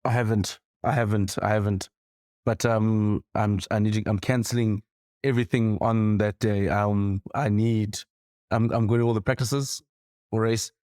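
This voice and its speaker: A man with a South African accent, co-hosting a rugby podcast, gushing excitedly with many stumbling restarts. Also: lowish voice, moderate pace, dry recording, studio quality. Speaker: podcast co-host. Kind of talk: casual chat.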